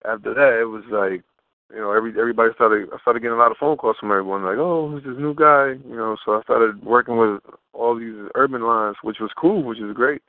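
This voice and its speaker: Speaking as a guest in a casual phone interview, a male fashion model talks quickly at a medium pitch, using slang and rephrasing as he goes. The telephone audio is dry, muffled and narrow.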